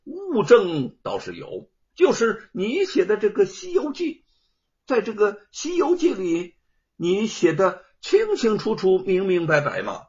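A man's voice: high-pitched, huge pitch swings, unhurried, a little mellow, breathy edge, voice pushed up, full character voice. A man voicing a servile lackey who stammers and fumbles as a false witness. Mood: flustered. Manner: stammering, fawning, flustered. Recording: dull lo-fi recording.

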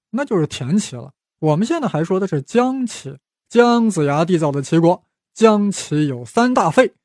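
A man's voice: fairly high pitch, a little mellow, dry recording, clean studio sound. Playful man telling history stories. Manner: playful, chatty, asides to the listener. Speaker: podcast host. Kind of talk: casual history storytelling.

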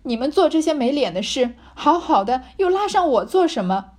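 A woman's voice: high voice, sing-song, moderate pace, darkish tone, pitched above the performer's own voice. A woman voicing a wronged, tearful young maid. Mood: aggrieved. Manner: raised aggrieved complaint.

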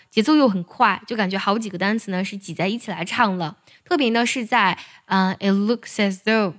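Woman patiently teaching an English song. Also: mid-range voice. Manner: patient, measured, many soft sentence-final particles. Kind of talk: explaining lyrics and singing technique.

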